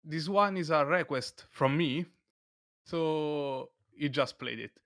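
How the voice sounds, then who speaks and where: A man hosting an online music event in a casual, laid-back way, often pausing with filler sounds. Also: on the high side, a bit bright, no echo, clean studio sound. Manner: hesitant, with many filler sounds.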